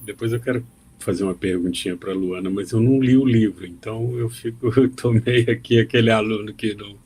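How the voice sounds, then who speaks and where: Um homem que conversa num clube do livro por chamada de vídeo, num tom descontraído e autodepreciativo. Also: male voice, lowish voice, brisk, slightly rough. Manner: self-deprecating, relaxed. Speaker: book club participant. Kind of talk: casual meeting talk. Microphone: video call.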